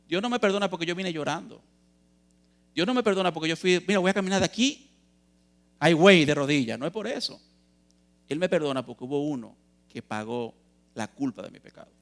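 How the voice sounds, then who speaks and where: A man's voice: on the high side, a bit bright. A man preaching a youth sermon in a church, earnest and emphatic, posing questions and answering them, calling his listeners brothers.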